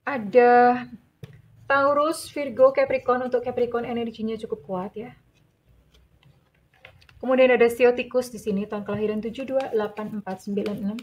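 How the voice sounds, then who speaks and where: A woman giving a tarot reading, gentle and measured, calling the listener dear. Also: fairly high pitch, steady tone, dull audio, a little hiss or hum. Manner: slow, measured listing. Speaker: tarot reader.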